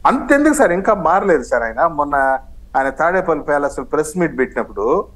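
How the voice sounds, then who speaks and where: A man's voice: a little high, very animated, fast talker, a bit bright, rough recording. Combative man in a TV debate. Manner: combative, sarcastic, mixes in English phrases. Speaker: political party spokesman, debate guest. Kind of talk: heated TV news debate.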